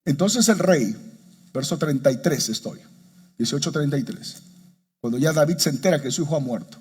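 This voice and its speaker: Male pastor, husky tone, fairly high voice, impassioned sermon delivery with repeated exhortations. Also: lively intonation, a little mellow. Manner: impassioned preaching, rises high and slows for emotional quotes; addresses congregation directly with repeated exhortations.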